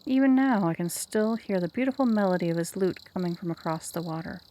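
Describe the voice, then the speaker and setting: A woman voicing a lovesick, weeping young maiden, speaking in a slow, melodramatic way. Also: lowish voice, dark tone, a little hiss or hum, close to an everyday voice. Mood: lovelorn.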